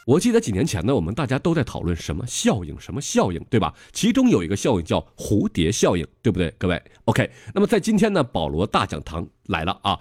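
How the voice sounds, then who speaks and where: Talking fast with few pauses, this Northeastern Mandarin speaker has a lowish, darkish voice whose pitch swoops wildly. On his comedy podcast he spins dialect jokes in a boisterous, mock-lecturing manner and cracks up at his own punchlines.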